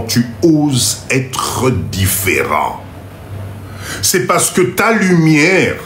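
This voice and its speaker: A man with a Congolese French accent, nose stuffed up from a cold, gives a motivational live talk to viewers in an emphatic, repetitive, urging style. His voice is medium in pitch with a fairly bright tone. The audio carries roomy echo and faint background noise.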